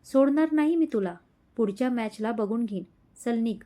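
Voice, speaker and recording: A woman's voice: on the high side, steady tone, moderate pace, warm tone, lightly acted. A woman voicing a vengeful young rival. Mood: angry. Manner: accusing, threatening.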